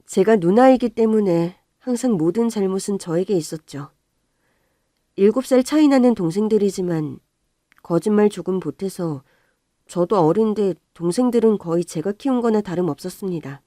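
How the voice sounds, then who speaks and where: A woman narrating a first-person life story in a calm, subdued way. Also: medium pitch, normal speed, no room sound, studio quality.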